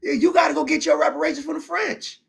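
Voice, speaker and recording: A man's voice: extremely high pitch, fairly even intonation, quick pace, creaky. A man from South Florida, hosting a heated debate on a stream and talking in an emphatic, preachy way. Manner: emphatic and preachy, repeats "see what I'm saying". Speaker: show host.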